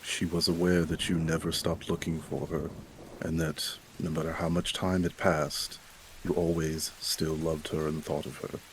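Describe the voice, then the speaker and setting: A man voicing a steady warrior who speaks firmly but with regret. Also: extremely low pitch, moderate pace, slight background noise, low-quality recording. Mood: remorseful.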